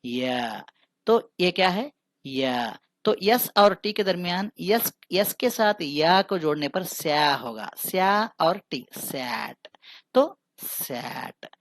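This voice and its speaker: A man teaching English pronunciation who asks the listener questions, answers them himself, and drills each word slowly by repeating it. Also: sits high, sing-song, a bit bright, no room sound. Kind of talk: recorded pronunciation lesson.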